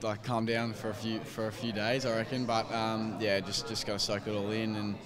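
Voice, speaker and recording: The speaker is a young Australian man, a footballer being interviewed post-match by a sponsor wall in the team rooms, with a handheld mic held by the interviewer and the crowd audible behind. He talks a little fast at a fairly low pitch with little pitch movement, hesitating with many fillers and restarts.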